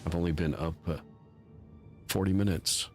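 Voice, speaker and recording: A man chats his way through a live game stream in a deep voice with a gravelly, fried edge. He rambles and pokes fun at himself as he talks to his viewers, with faint music playing underneath. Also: fairly even intonation, moderate pace. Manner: rambling, self-mocking, talks to chat. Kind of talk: casual live-stream commentary.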